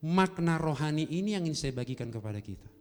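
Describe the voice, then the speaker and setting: A man pastor preaching a sermon, animated, swinging between soft, quiet passages and loud emphasis. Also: a little high, fast. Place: church hall. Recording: long reverb in a church hall with music behind.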